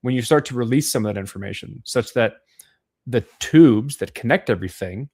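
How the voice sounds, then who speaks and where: A man's voice: medium pitch, a little fast, a little mellow, husky, no room sound, studio quality. A man co-hosting a podcast, explaining ideas step by step and thinking aloud. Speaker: podcast co-host. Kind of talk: casual podcast discussion.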